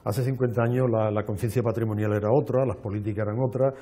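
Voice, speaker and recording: Guy on a tv show explaining things slow and careful, kinda mellow dark voice. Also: lowish voice, steady tone, soft background music. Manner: measured, lecturing, with frequent restarts. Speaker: archaeologist guest. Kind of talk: explanatory interview talk. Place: television studio.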